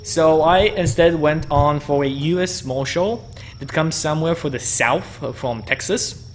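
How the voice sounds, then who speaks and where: A man's voice: fairly high pitch, a little hiss or hum. A man hosting a tabletop game stream, chatting casually with his players and joking and laughing as he talks. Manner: laughing, joking, quick asides. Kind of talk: casual chat among players.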